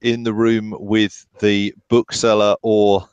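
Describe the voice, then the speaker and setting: A man running a tabletop horror game as game master, narrating haltingly with many ums and restarts. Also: lowish voice, level tone, darkish tone, clear, resonant tone, dry recording, muffled recording.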